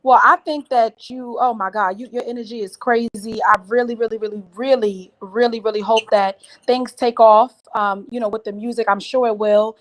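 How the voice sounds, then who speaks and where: Woman radio host, a bit high pitched, blunt n encouraging, casual chat. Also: fairly even intonation, normal speed, hardly any pauses.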